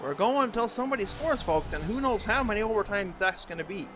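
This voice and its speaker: A man's voice: high-pitched, expressive, fast talker, music in the background. A man doing an amateur announcer impression, giving hockey play-by-play commentary in short clipped phrases. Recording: clearly noisy, ambient background noise.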